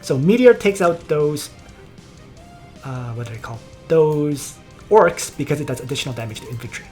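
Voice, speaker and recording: A woman giving relaxed, casual gameplay commentary, explaining her strategy step by step. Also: low voice, normal speed, soft background music. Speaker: game video player.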